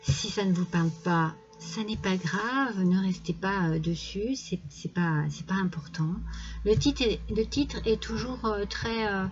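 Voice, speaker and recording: A woman's voice: medium pitch, measured pace, faint music behind. Chatty French tarot reader woman, lo-fi. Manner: chatty, hesitant, many fillers and restarts. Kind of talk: casual tarot reading to camera. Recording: dull lo-fi home recording.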